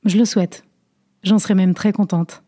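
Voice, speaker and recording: A woman voicing a stately older landlady who speaks in a polite, measured, formal way, as a storybook figure. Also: medium pitch, steady tone, dark tone, lightly acted. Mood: earnest.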